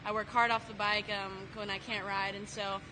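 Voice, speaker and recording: A woman's voice: medium pitch, level tone, normal speed. A seventeen-year-old young woman giving a casual, hesitant, matter-of-fact podium interview. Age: teens, seventeen. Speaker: race winner being interviewed. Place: outdoors at a race track. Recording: clear outdoor vehicle and ambience noise.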